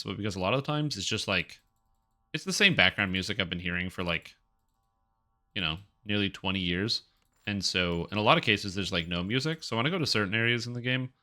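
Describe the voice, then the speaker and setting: With a deep voice that is sharp, congested and nasal, a man chats ramblingly on a game live stream. He stays close to the microphone and talks to his viewers as well as to himself in a casual way while gaming.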